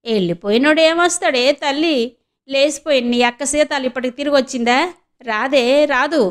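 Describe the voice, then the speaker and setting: A woman's voice: sits high, normal speed, voice pushed up, lightly acted. A woman doing a grieving, bitter village mother. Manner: lamenting, reproachful, rustic village speech.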